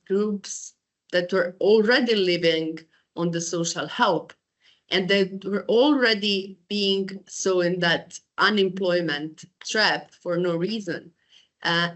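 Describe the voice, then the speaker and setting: A woman from Croatia presenting research in a conversational way, with many fillers, restarts and small laughs. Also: mid-range voice. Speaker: researcher speaking at a panel.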